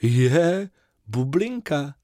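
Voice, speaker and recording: A man's voice: fairly high pitch, expressive, dry recording, studio quality, voice pushed up, close to an everyday voice. A man voicing a small, curious boy who exclaims in wide-eyed delight. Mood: wondering.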